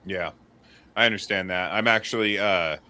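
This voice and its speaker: A man in his late thirties, a guest in a casual livestream chat over a video call, animated and laughing often. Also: low-pitched, moderate pace. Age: 30s.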